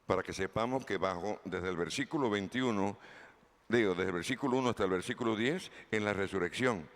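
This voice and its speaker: Low-voiced pastor preaching in a reverberant hall. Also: male voice, fairly quick. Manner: asks the congregation questions, reads scripture aloud. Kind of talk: sermon. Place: church hall.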